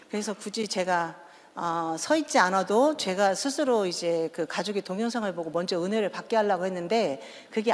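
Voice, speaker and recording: A woman speaking to a congregation as a guest, giving her testimony in a relaxed conversational way and drawing in the audience with questions. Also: on the low side. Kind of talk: church testimony talk. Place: large church sanctuary. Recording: echoey church hall, faint noise.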